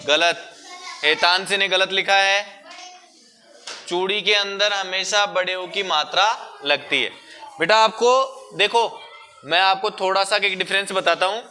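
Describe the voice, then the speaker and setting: A man teaching a primary school class, patiently coaxing the children and drawing words out slowly to show the sounds. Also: high voice, bright, forceful tone, a little hiss or hum. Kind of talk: classroom lesson.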